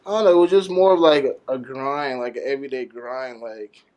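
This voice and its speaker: A young man from Nigeria, a college basketball player, chatting casually as an interview guest, laid-back and halting, with many fillers. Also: mid-range voice, a little mellow. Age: young adult.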